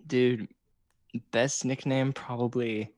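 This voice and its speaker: A man's voice: mid-range voice, little pitch movement, slow pace, darkish tone, dry recording. A young man chatting as a podcast guest, laughing through his stories. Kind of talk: casual chat over a video call.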